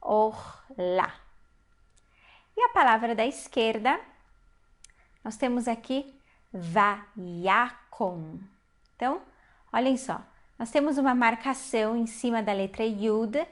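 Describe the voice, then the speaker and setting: A woman teaching a Hebrew reading lesson, explaining patiently step by step and slowing down to spell out syllables. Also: on the high side. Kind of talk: online language lesson.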